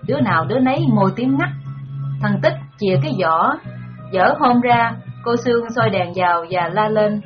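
A woman's voice: medium pitch, lively intonation, normal speed. Brief: woman storyteller, hesitant reading with fillers, muffled recording, music underneath. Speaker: narrator.

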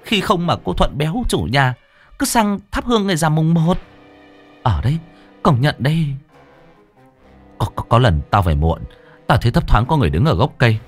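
A man's voice: on the high side, very animated, faint music behind, voice pushed up. A man voicing a gossipy, superstitious longtime neighbor telling eerie stories. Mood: anxious. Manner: rapid, gossiping.

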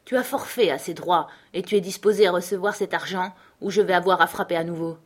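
A woman reading aloud, voicing a stern, commanding man who is quick to anger and speaks in a firm, threatening way. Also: fairly low pitch, lightly acted.

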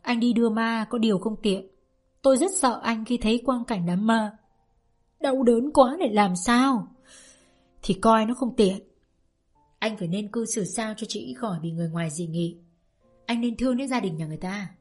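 A woman's voice: fairly high pitch, moderate pace, pauses often, a little mellow, faint music behind, close to an everyday voice. Stern, earnest young man, admonishing in a level tone; a woman narrator voices him. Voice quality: firm, admonishing.

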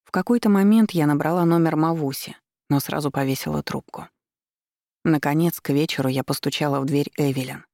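A woman narrating a first-person audiobook in a steady, measured way. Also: sits low, no room sound, clean studio sound.

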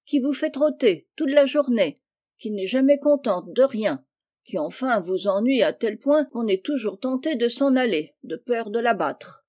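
A woman voicing a blunt, tomboyish teenage girl in a storybook reading, speaking in an outspoken, brisk way. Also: on the high side, expressive, mellow, dry recording, studio quality. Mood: grumbling.

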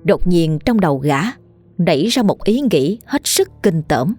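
A woman reads a horror story aloud in a steady, measured way, her voice sitting on the low side. Faint music plays underneath. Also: dry recording. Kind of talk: scripted horror story narration.

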